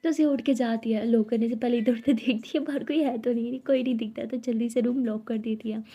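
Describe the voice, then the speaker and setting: A woman's voice: a little high, steady tone, fairly quick, dark tone, slightly rough, highs cut off. A woman storyteller narrating a love story in a casual, conversational way.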